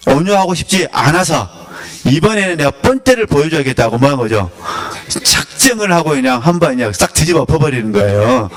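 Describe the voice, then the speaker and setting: A man giving a casual, sermon-style teaching, conversational and often asking his listeners questions with a chuckle. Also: a little high. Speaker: teacher of a spiritual academy.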